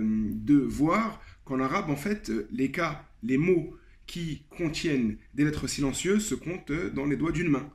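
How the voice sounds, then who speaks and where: A man with a fairly high voice teaches a lesson, walking through each point step by step. He slows down to repeat example words carefully and fills the pauses with hesitations. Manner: explains step by step, repeats example words slowly, frequent fillers. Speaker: Arabic teacher. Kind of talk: video lesson.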